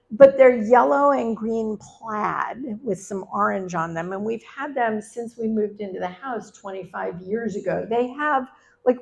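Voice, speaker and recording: A woman's voice: medium pitch, creaky, husky. A middle-aged woman telling a personal story to a live audience, chatty and conversational with laughing asides. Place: live event venue.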